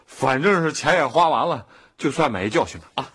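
A man's voice: fairly high pitch, lively intonation, fairly quick, fairly bright tone, husky. A middle-aged actor playing a jokey, placating father in a family sitcom who chuckles as he soothes his wife. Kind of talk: sitcom acting.

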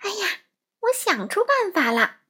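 A woman's voice: sits high, animated, takes it slowly, a bit bright, full character voice. A woman voicing a fretful, caring young mother in a storybook, fussing and soothing.

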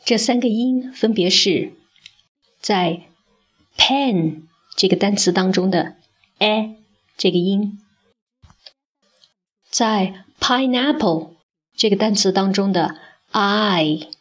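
A woman teaching English pronunciation in a scripted phonics lesson, speaking slowly and carefully and demonstrating sounds for the listener to repeat. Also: medium pitch, husky, highs cut off.

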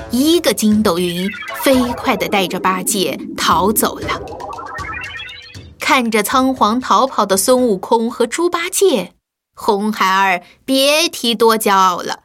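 A woman narrating a children's story in a lively, expressive way. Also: mid-range voice. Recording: faint music behind.

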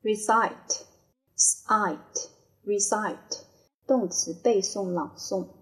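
A woman teaching English vocabulary with a Chinese accent, repeating each word slowly and then explaining it. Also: medium pitch, fairly bright tone. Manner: slow, deliberate repetition of each word. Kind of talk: word-by-word pronunciation drill.

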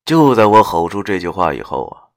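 A man telling a live horror-comedy story, dramatic and swinging between hushed and loud. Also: deep voice, very animated, a little fast.

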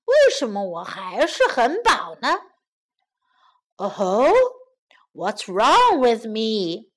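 Woman voicing a greedy storybook wolf, lowered voice, sluggish delivery. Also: very animated, very slow, full character voice. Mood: groggy. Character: big bad male wolf, greedy and sluggish.

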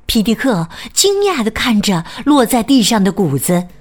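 A woman telling a children's story, gentle and expressive in her narration. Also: fairly high pitch, normal speed. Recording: faint background music.

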